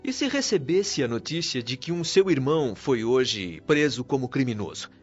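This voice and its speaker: In a radio drama, a Brazilian man plays a wise, patient male spirit mentor of a heavenly colony, speaking formally, earnestly and didactically. His medium-pitched voice is very animated with a breathy edge, at a moderate pace. The lo-fi audio sounds dull, with music underneath.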